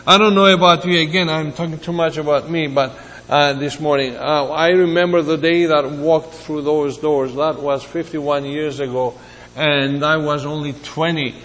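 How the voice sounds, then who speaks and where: A man in his seventies from Greece, giving a halting, reflective sermon with personal asides. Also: fairly high pitch, steady tone, fairly bright tone, long reverb tail. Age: 70s. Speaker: preacher.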